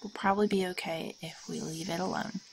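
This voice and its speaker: A woman's voice: fairly low pitch, fairly even intonation, fairly quick, creaky. A woman with a scratchy, sore-throat voice gives casual video game commentary as host, chattily thinking aloud as she plays. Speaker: host of a let's play series.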